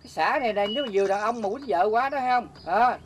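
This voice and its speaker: Bossy, fast-talking Southern Vietnamese village uncle, played by a man, older, always teasing. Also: high-pitched, a little hiss or hum, close to an everyday voice. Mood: explaining. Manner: brisk, teasing and scolding. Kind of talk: rural comedy film acting.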